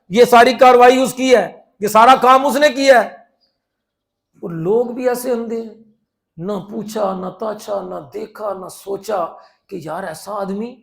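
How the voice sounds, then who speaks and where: A man preaching a sermon in a storytelling way, acting out the people in his stories and swinging between loud and quiet passages. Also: very high voice. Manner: animated, acts out quoted voices, swings from loud to soft.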